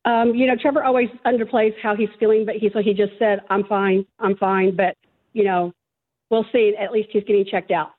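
A middle-aged woman talks quickly and earnestly, with a relieved tone. Her voice comes through a thin, phone-like line. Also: mid-range voice, steady tone. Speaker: mother of a freed prisoner, guest. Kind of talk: remote news interview.

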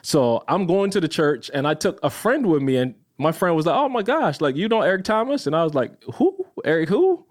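A man's voice: on the high side, sing-song, a little fast, few pauses. A man from Barbados, a podcast guest, telling his story casually and acting out the voices in it.

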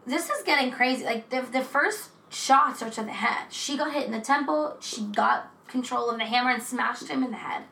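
Casual true crime co-host, woman, gravelly voice pitched a bit high, roomy echo. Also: moderate pace, few pauses, distant mic. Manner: chatty, profane, animated asides. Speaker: podcast co-host.

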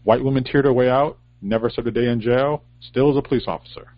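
A man in casual discussion, arguing his points in a measured, deliberate way. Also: medium pitch, steady tone, no echo. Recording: dry, dull lo-fi recording.

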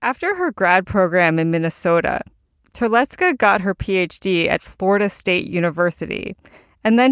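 A woman hosting a podcast, reading scripted narration in a calm, even, polished way. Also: fairly low pitch, clear, resonant tone, no echo, clean studio sound.

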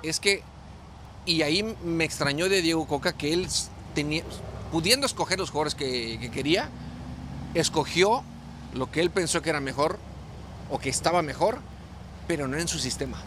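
Ex-player pundit, emphatic and repetitive, slightly high male voice, faint noise behind. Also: lively intonation, moderate pace, long pauses. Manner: emphatic, repeats phrases while arguing. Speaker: former player, football pundit. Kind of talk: sports panel discussion.

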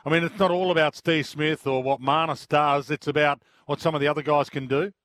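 Fast-talking Australian male sports radio host. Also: on the high side, fairly even intonation, fairly bright tone, dry recording, clean studio sound. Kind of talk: conversational radio hosting.

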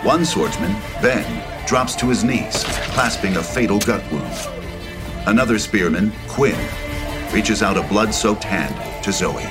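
A man reading screenplay stage directions as narrator in a measured, dramatic manner. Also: on the low side, animated. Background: music.

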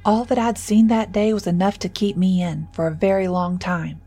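A woman narrating a scripted horror story in first person, measured and suspenseful. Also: mid-range voice, fairly even intonation, dark tone, breathy edge, faint music behind.

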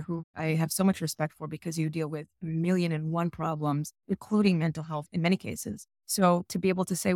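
A woman's voice: on the low side, a little mellow, no room sound. Woman, psychologist guest, earnest explainer, dry close-miked voice. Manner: earnest, explanatory, tells patient stories. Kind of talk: conversational podcast interview.

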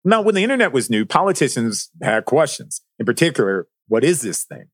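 A man's voice: mid-range voice, big pitch swings, brisk, fairly bright tone, no room sound, studio quality. A man narrating a scripted podcast as its host. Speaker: guest host.

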